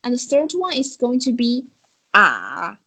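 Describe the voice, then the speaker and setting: A high, mellow, husky female voice comes through a rough recording at normal speed. She is running an online beginner Chinese class over video call. She stays patient and coaxing, using questions to guide her student.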